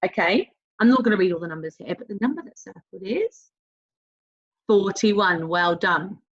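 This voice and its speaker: In a primary school maths lesson caught on tape, a female teacher speaks directly to young learners, encouraging them in a sing-song voice that stretches key words and poses prompting questions. Her voice is mid-range. The sound is dull and lo-fi.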